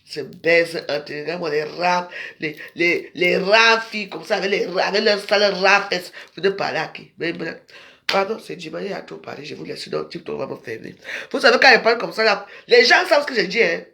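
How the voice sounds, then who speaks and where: High-voiced man ranting at followers. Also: expressive, a little fast, creaky, sharp tone. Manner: scolding, confrontational, rambling. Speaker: social media video maker.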